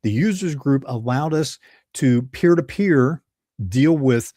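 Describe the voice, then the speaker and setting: A leadership channel host with a Midwestern American accent gives a solo advice talk, chatty and given to digressions and self-corrections. He speaks slowly in a medium-pitched, dark voice, captured dry with studio quality.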